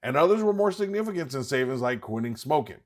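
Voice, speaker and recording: A man's voice: medium pitch, big pitch swings, fast talker. Urgent, emphatic man hosting a finance channel. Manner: emphatic, urging, repeats points for stress. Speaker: investing channel host. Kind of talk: scripted direct-to-camera commentary.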